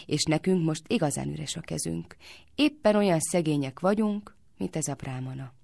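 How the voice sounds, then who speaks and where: A spirited young village girl fires back wry retorts in a read-aloud tale, as a woman narrator voices her. The voice is low and a little gravelly, close and dry. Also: expressive, darkish tone, no room sound, heavily acted. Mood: grumbling.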